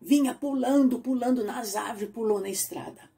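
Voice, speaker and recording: A woman telling a story to small children in an animated, sing-song manner, speaking directly to her young listeners. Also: a little high, moderate pace.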